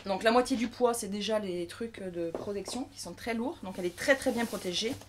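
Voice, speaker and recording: A woman's voice: mid-range voice, fairly quick, slight background noise. A woman from France giving casual, chatty unboxing commentary, thinking aloud as she handles a new crafting machine. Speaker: crafting vlogger.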